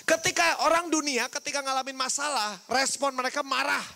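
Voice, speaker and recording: High, bright-voiced young youth preacher. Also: male voice, brisk, creaky. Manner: lively, asks the crowd "right?" again and again; mimics people and makes bleep sounds for swear words. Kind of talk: youth sermon.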